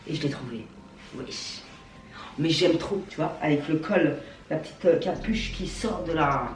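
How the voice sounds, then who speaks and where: A woman's voice: low voice, measured pace, a little hiss or hum. A young woman in a casual clothing haul chat at home, gushing and slangy, swinging into mock outrage. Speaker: fashion vlogger. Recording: echoey room, mic at a distance, faint music.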